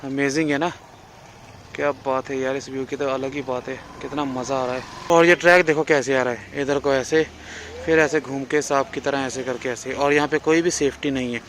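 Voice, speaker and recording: A young man narrating a casual travel vlog outdoors, chatty and excited, with a sore throat. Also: medium pitch, fairly quick, a little hiss or hum. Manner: chatty, excited, laughs often. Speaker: travel vlogger. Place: outdoors on a hill station trip.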